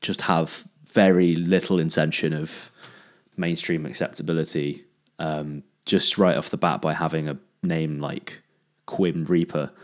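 A man's voice: a bass voice, steady tone, a little slow. A man hosting a casual chat, hesitant and searching for words with many ums. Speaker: podcast host.

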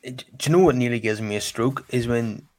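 A man's voice: medium pitch, a little fast, a little mellow, dry recording. A man hosting a casual football discussion, speaking in a hesitant, searching way as he works through his points. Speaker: host of a football fan channel.

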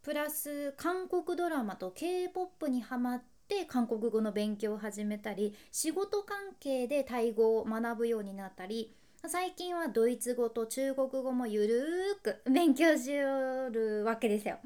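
A woman with a high voice and a hosting a relaxed solo podcast. She chats playfully and laughs often. She speaks straight to the listener in a friendly, talkative way. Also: measured pace. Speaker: podcast host, freelance announcer.

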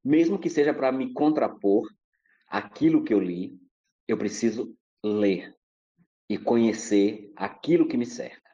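A Brazilian man, appearing as a podcast guest, speaks at a measured pace in a medium-pitched, dark voice with a breathy edge. His talk is reflective and casual but discursive, circling his points with many restarts and fillers. The recording is dry and a little muffled.

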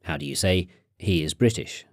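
A man narrating a language course, asking prompting questions and explaining grammar in a clear, instructive way. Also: sits low, normal speed, darkish tone, no room sound, clean studio sound.

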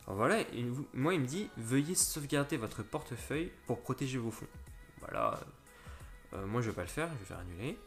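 A man's voice: medium pitch, big pitch swings, brisk, creaky, soft background music. A man hosting a casual step-by-step tutorial, talking viewers through an app with frequent restarts. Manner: step-by-step, fillers and restarts, addresses viewers directly. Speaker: crypto tutorial host.

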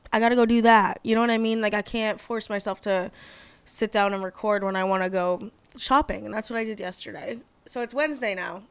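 Young woman, podcast host, casual chat, bubbly, gushing, swears a lot, smooth voice, dry close sound. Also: mid-range voice, dry recording.

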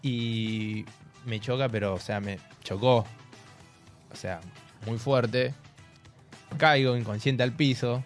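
Rioplatense radio man, animated storyteller. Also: mid-range voice, takes it slowly, long pauses, soft background music. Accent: Rioplatense Spanish. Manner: animated storytelling, laughing through it. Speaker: radio co-host. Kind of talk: casual radio chat. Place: radio studio.

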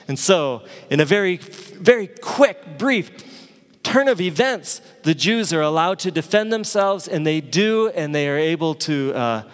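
A man's voice: fairly high pitch, lively intonation, unhurried, in a large hall. A man preaching a sermon as pastor, telling the story in a conversational way with asides to the congregation.

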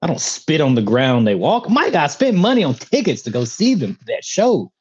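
A man's voice: on the high side, wildly swooping pitch, a little fast, husky. Laid-back man on a dull lo-fi mic. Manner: laid-back, wry, laughing. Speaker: podcast co-host. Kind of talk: casual chat.

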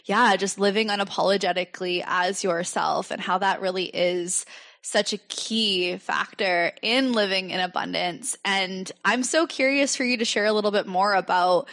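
A woman's voice: medium pitch, fairly even intonation, moderate pace, a bit bright. A woman hosting a podcast, speaking in an effusive, heartfelt way to her guest. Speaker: podcast host. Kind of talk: podcast conversation.

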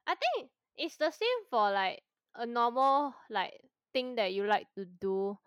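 Casting: young woman, Singaporean accent, relaxed Singlish conversation, clear and slightly high voice, dry sound. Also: measured pace, dry recording. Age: young adult. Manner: colloquial Singlish with sentence-end particles. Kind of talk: casual chat.

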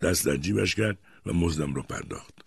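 A man narrating an audiobook in an expressive storytelling manner. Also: low-pitched, vocal fry, husky, no room sound, clean studio sound. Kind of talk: scripted narration.

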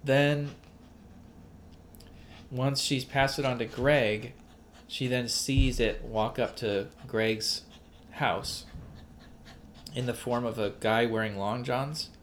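A man's voice: mid-range voice, fairly even intonation, takes it slowly, pauses often, slight background noise. A man co-hosting a casual podcast about a film, rambling with many fillers and restarts. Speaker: podcast co-host.

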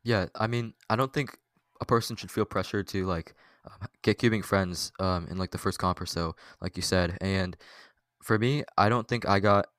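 A teenage boy hosting a casual podcast chat, talking haltingly with many fillers and restarts. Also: sits low, a bit bright, dry recording. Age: teens. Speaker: podcast host.

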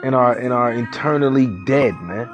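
A man's voice: mid-range voice, normal speed. A man giving an earnest motivational monologue in casual speech with slang and cursing, urging listeners to grow and stay focused. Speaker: host of a motivational talk. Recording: dull lo-fi recording with faint music.

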